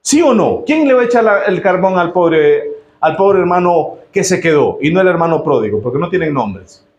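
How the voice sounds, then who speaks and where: Nicaraguan pastor guy preaching, kinda high voice, punchy, keeps asking the church questions, echoey room. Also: expressive, moderate pace. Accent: Nicaraguan Spanish. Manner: emphatic, exclamatory, quizzes the congregation with rhetorical questions. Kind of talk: sermon.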